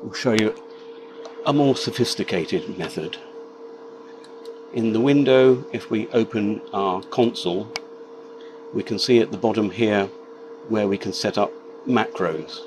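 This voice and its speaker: Deep voiced guy doing a matter-of-fact how-to, machine noise going on behind him. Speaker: tutorial presenter. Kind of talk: step-by-step demonstration narration. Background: laser cutter machine noise.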